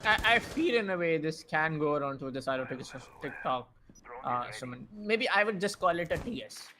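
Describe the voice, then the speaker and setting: A man calling a live shooter-game match as play-by-play caster, excitable and quick, with lots of fillers and restarts. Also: on the high side, slight background noise. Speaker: esports caster.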